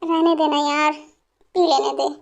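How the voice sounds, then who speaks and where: A woman dubbing a drunk, self-pitying young man who talks slowly and mournfully. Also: little pitch movement, creaky, lo-fi sound. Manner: slow, low, mournful. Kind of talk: fan dubbing.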